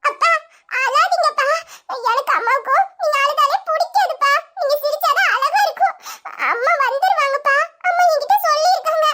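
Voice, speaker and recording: A woman's voice: very high-pitched, a little fast, sharp tone. A tearful little girl pleading with her dad. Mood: tearful reassuring. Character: young daughter comforting her crying father. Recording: background noise.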